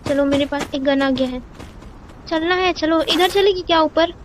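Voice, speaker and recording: Gamer girl in her twenties, bossy and urgent, high voice, noisy game audio. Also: moderate pace. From Jharkhand, India. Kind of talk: casual gameplay chat.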